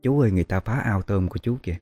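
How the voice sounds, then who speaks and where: A man's voice: fairly low pitch, very fast, dark tone, dry recording, soft background music, close to an everyday voice. A man voicing a little ghost girl who urgently and repeatedly calls out a warning. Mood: urgent pleading. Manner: calling out repeatedly.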